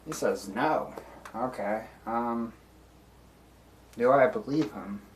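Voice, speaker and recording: A man streaming a solo tabletop game, talking things through at an unhurried, drawn-out pace. He hesitates often and restarts his sentences as he works out his next move, and his voice sits at an ordinary middle pitch. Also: a little hiss or hum. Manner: hesitant, full of fillers and restarts, deliberating. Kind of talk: thinking aloud while playing a solo tabletop game.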